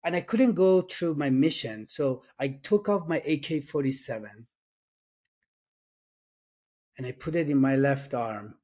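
In a casual interview, a middle-aged addiction and trauma coach from Iran responds to questions in a fairly high voice. He speaks Persian and has an Iranian accent, and his speech is soft, earnest and halting, peppered with fillers and false starts.

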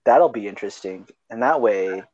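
A man's voice: lowish voice, lively intonation, normal speed, a little mellow, dry recording. A young man hosting a podcast in casual chat, joking and laughing often as he rambles. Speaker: podcast host. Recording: slightly dull, dry sound.

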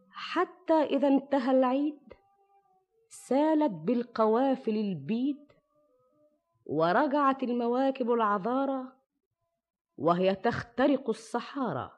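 An actress playing a clever young woman storyteller who defers to the king and tells her tale in measured, rhymed classical verse, in an old radio drama. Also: a little high. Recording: slightly dull old radio recording, faint music.

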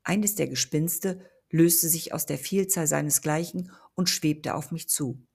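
A woman narrating a story in the first person with calm, steady storytelling. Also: low-pitched, measured pace, gravelly, husky. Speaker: audiobook narrator.

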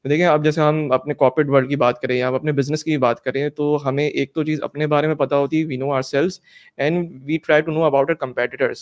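A man's voice: on the high side, steady tone, lo-fi sound. Explaining man with a raised voice. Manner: explanatory, lecturing tone, mixes English into Urdu. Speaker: guest in a discussion. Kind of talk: casual discussion.

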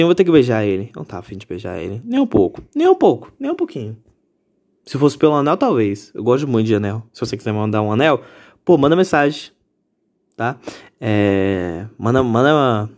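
Animated young Brazilian man. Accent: Brazilian Portuguese. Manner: animated, dramatic, jumps into high-pitched exclamations. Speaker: vlogger. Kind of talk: casual confessional monologue.

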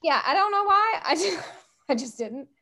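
Very high, expressive and gravelly with a sharp edge, this middle-aged West Coast American woman talks at a normal speed as a podcast guest. She shares casual anecdotes full of conversational asides.

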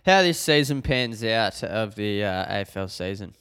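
A man's voice: on the low side, animated, normal speed, fairly bright tone, clear, resonant tone. A man with an Australian accent, chatting casually as co-host of a sports betting podcast. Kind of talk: casual chat.

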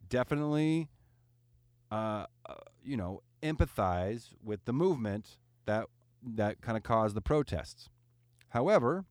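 A man talks loosely and at length in a casual podcast chat. His pitch swings widely and his delivery is rambling, full of fillers and restarts. The close mic sounds dry, with no room around it. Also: no echo.

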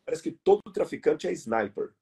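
A man's voice: on the high side, expressive, brisk, creaky, warm tone, husky. A man from Brazil with a Brazilian Portuguese accent, a guest arguing earnestly in an interview, emphatic and repeating key words. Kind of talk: earnest conversational argument.

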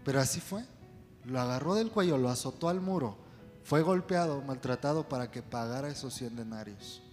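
A man's voice: mid-range voice, lively intonation, moderate pace, darkish tone. A man preaching a sermon, calling on the congregation to repeat words after him. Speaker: pastor. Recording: long hall reverb with faint music.

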